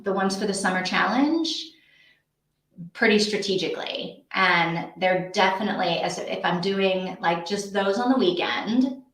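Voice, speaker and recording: A woman with a lowish, slightly bright voice hosts a casual livestream for a reading sprint. She rambles, thinking out loud, in an echoey, untreated indoor room.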